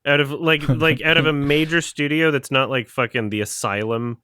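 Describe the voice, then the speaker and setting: A man co-hosting a podcast, talking about movies in an animated, wry way, with frequent laughs and swearing. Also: on the high side, moderate pace, smooth, no room sound, studio quality. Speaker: podcast co-host. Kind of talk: casual film review chat.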